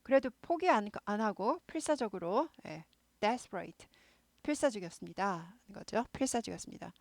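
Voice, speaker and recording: A woman teaching English to Korean learners, explaining a news story line by line. She repeats key words often and says English phrases slowly and carefully. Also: medium pitch, animated, gravelly, dry recording.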